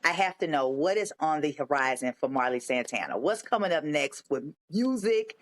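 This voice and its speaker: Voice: mid-range voice, expressive, moderate pace. A podcast host leading an interview, encouraging the guest and echoing short agreements. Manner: affirming, repeats short agreements. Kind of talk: interview hosting.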